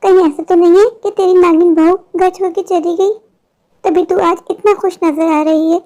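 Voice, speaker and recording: A woman's voice: extremely high pitch, fairly even intonation, normal speed, warm tone. A woman voicing a meddling gossipy neighbor woman. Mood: prying. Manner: prying, insinuating. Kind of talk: animated cartoon story voicing.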